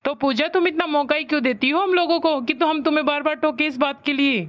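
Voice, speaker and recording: A woman's voice: sits high, fast, highs cut off, close to an everyday voice. A woman voicing a stern young husband in a cartoon story, scolding his wife. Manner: scolding, lecturing. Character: stern young husband, fed up with wife's phone.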